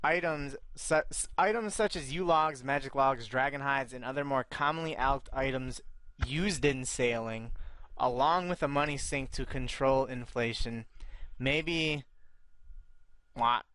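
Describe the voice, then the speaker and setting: A male podcast host in casual chat, relaxed and swearing freely as he reads out listener questions. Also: medium pitch, a little slow, clean tone.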